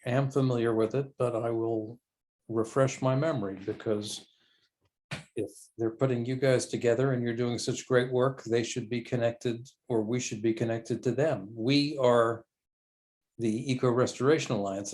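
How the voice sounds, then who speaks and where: A man's voice: mid-range voice, steady tone, normal speed, darkish tone. A man hosting a video call, asking curious, encouraging questions. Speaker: host of the call.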